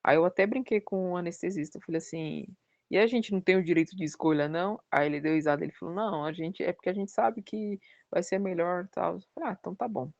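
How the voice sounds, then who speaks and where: A woman giving a personal religious testimony as a podcast guest, telling her story with lively acted-out dialogue. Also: on the low side, fast talker, no room sound. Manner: animated storytelling, acting out the dialogue.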